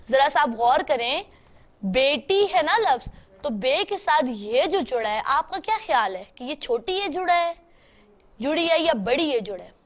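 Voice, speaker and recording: A woman's voice: high-pitched, fairly bright tone. A woman teaching an online handwriting class, patiently spelling out letters one by one and asking her students questions.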